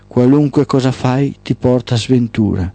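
Ancient night spirit lady, a guy doing her, solemn and slow, dark mellow voice, dry sound. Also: mid-range voice, no echo, soft background music, close to an everyday voice. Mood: grim. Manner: slow, solemn whispering pronouncements.

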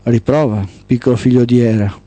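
A man's voice: mid-range voice, steady tone, brisk, warm tone, no echo, faint music behind, lightly acted. A man voicing the Hesperides, tall and menacing sisters who taunt the hero in a storytelling piece.

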